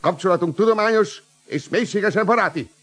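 An actor playing a raving, megalomaniac older mad scientist in a radio play, with a husky voice, shrieking rants and mocking laughter. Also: male voice, high-pitched, fairly bright tone, faint music behind. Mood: pleading. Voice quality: husky, gravelly.

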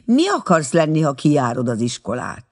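A man doing a playful woman-schoolgirl. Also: full character voice. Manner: raised, lively pitch.

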